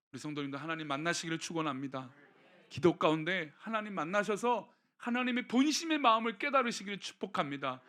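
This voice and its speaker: High, bright-voiced preaching pastor. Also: male voice. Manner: emphatic, shifting between raised exhortation and soft hushed appeals. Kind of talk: sermon. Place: church.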